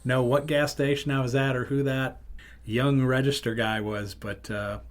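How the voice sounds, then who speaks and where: A middle-aged man with a medium-pitched, steady voice at normal speed hosts a podcast. In casual chat, he tells a rambling road-trip story, repeatedly interrupting himself.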